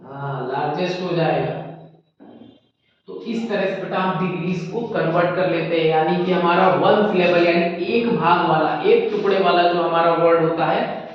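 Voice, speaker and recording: A male English teacher explaining grammar to students in a classroom, calling them "beta" and repeating words slowly. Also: high voice. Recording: echoey room, distant mic, dull sound.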